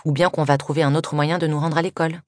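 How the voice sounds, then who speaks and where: A woman reading aloud and voicing an excitable young schoolgirl who talks eagerly. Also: sits low, fast talker, no room sound, studio quality, lightly acted. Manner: eager and scheming.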